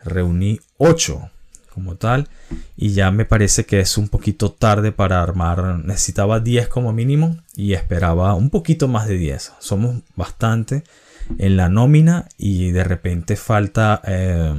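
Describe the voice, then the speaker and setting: A man's voice: lowish voice, a little mellow. A man hosting a vocabulary quiz, patiently explaining and repeating each answer and its definition. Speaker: quiz host and organizer.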